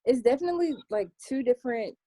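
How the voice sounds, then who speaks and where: A young American woman answering interview questions in a relaxed chat, with plenty of "um" and "like". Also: high-pitched, quick pace, no room sound. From United States. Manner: chatty, many "um" and "like" fillers. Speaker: interview guest. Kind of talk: casual interview.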